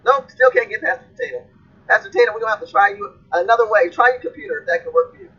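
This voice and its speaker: A woman's voice: mid-range voice, lively intonation, rapid-fire, pushed and bright, breathy edge. A woman hosting a livestream, lecturing her audience in an emphatic, repetitive, preaching style. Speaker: livestream host. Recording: dull lo-fi stream audio.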